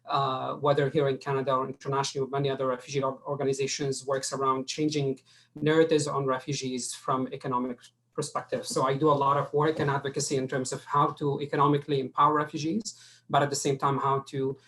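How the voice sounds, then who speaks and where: Flat-toned man from Syria. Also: medium pitch, fast, low-quality recording. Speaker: panelist. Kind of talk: seminar introduction.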